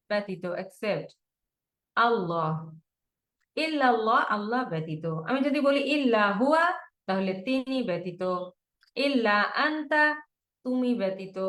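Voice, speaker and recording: A woman teaching an online Quranic Arabic lesson, drilling words by repetition and reciting Arabic slowly. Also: medium pitch, echoey room.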